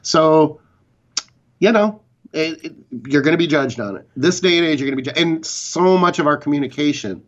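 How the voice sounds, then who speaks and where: A man's voice: a little high, normal speed, highs cut off. A man co-hosting a fitness podcast, chatting casually and giving opinionated, rambling explanations with some swearing. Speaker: podcast co-host. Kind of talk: casual chat.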